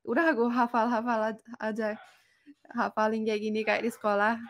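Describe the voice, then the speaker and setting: Higher-voiced Finnish woman speaking fluent Indonesian as a foreigner. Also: flat delivery, normal speed, slight background noise. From Finland. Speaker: interview guest. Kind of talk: casual chat in a learned language.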